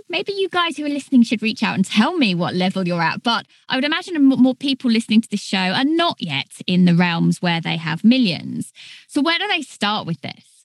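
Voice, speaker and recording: A woman's voice: on the high side, fairly bright tone, dry recording. A woman hosting a podcast, thinking aloud in long, winding questions to her guest. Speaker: podcast host. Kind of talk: conversational interview.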